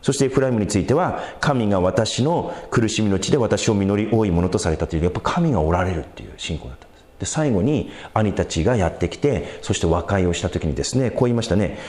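A man preaching a sermon as a pastor, in an animated, conversational way with big swings in pitch. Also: fast talker, roomy sound.

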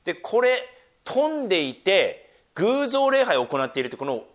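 A middle-aged man preaching a sermon, dropping to near-whispers and then rising to loud, emphatic lines, reading scripture slowly and deliberately. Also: high-pitched, big pitch swings. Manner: slow, drawn-out scripture reading. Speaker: pastor.

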